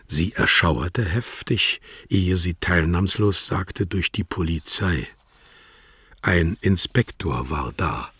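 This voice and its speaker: A man narrating a literary audiobook in a measured, calm storytelling manner. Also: deep voice, breathy edge, dry recording, clean studio sound. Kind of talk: audiobook reading.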